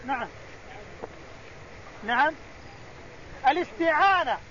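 A man with a strikingly high voice leads a classroom Quran lesson. He explains readings and fires questions at his students. The recording is dull and muffled, with a faint hiss of background noise. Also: lively intonation, slow, bright, forceful tone. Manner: explains and quizzes students directly. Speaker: religious teacher.

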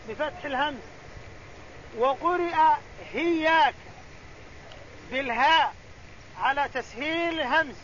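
A man's voice: very high voice, a bit bright. A middle-aged man teaching a classroom Quran lesson. He explains the text and puts questions to his students directly. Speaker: religious teacher. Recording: dull muffled recording with faint noise.

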